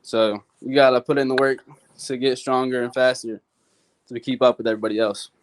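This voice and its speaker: A man's voice: mid-range voice, flat delivery, brisk, smooth. A man speaking as an amateur fighter, giving casual, plain-spoken interview answers.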